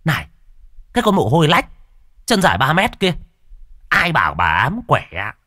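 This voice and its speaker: A brash corn seller at a street market, as a man puts him on, voiced high, loud and lively as he shouts taunts in a storybook reading. The voice is dry and close. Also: normal speed, no echo, heavily acted. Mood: taunting.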